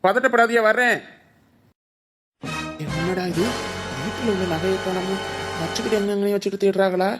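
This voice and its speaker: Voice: medium pitch, steady tone, over loud music, lightly acted. An actor doing a flustered young village husband. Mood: alarmed. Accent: Tirunelveli Tamil. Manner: flustered, quick questions. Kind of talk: cartoon voice acting.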